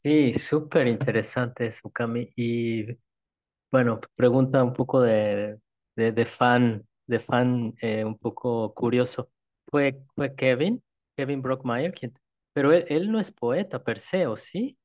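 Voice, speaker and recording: An interviewer asking long, halting questions, repeating words as they search for phrasing. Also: medium pitch, highs cut off. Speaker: interviewer, host. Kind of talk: casual conversational interview.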